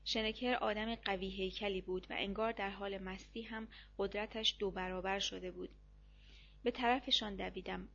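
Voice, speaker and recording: A woman's voice: medium pitch, creaky, fairly bright tone, lo-fi sound. Woman reading a story aloud. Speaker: audiobook narrator. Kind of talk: reading a war novel aloud.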